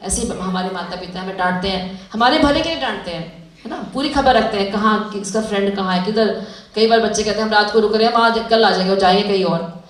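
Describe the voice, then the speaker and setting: A woman's voice: mid-range voice, fairly bright tone. A woman giving a storytelling devotional talk to young women, putting questions to her listeners. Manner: storytelling, asks the audience questions. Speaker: speaker at a youth seminar. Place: lecture hall. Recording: echoey hall, mic far off.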